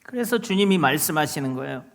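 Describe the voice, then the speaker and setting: A male pastor preaching a sermon, speaking conversationally and asking the congregation questions, then rising to loud exhortation. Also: on the high side, expressive, fast, creaky. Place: church sanctuary.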